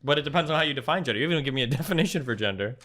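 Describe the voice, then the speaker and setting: A man's voice: medium pitch, lively intonation, rapid-fire, a bit bright. A man hosting a casual debate stream, teasing, sarcastic and blunt. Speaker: streamer host.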